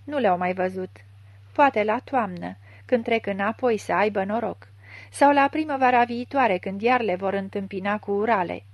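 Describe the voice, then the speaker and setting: A woman narrates a literary audiobook in a measured, expressive way. Her voice sits in a middle pitch. The recording is dry and close, with no room sound. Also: no echo. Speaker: audiobook reader.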